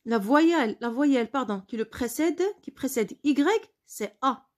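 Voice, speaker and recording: Woman teacher, spelling lesson, very slow delivery, patient repetition, fairly high pitch. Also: lively intonation. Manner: patient, repeats words slowly for pupils.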